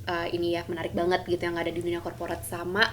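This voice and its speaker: A young woman, chatting as a guest on a podcast, animated and slangy, mixing in English words. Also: fairly low pitch, racing, a crowd in the background. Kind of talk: casual podcast chat.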